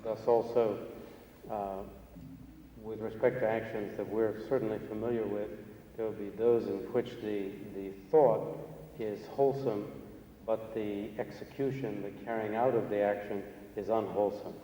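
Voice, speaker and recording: A man with a low, soft-edged voice interprets a philosophy lecture. He speaks in careful, halting phrases. The sound comes from off in a big echoing hall with some faint noise. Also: steady tone. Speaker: interpreter translating a Buddhist teacher. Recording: echoey hall, distant mic, background noise.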